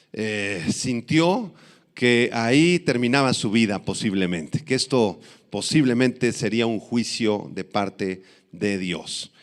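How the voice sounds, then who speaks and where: Emphatic male pastor repeating key phrases. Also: mid-range voice. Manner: emphatic, repeats key phrases, spells out Aramaic words slowly. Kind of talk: expository sermon.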